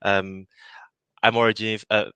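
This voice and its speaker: A man's voice: fairly low pitch, little pitch movement, moderate pace, sharp tone, clear, resonant tone, no echo. A man from Malaysia in his thirties, answering interview questions casually, with many fillers, restarts and easy laughs. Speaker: innovation project lead.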